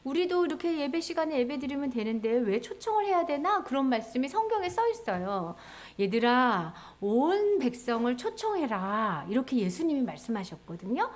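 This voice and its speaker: A woman's voice: high voice, sing-song, brisk, hardly any pauses, a little mellow. A woman teaching children in church, telling a Bible story with playful questions.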